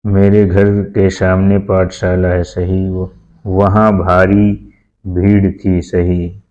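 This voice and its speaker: Slow, deep-voiced man teaching. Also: completely flat delivery, highs cut off. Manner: slow, repeats answers aloud. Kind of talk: exam practice lesson.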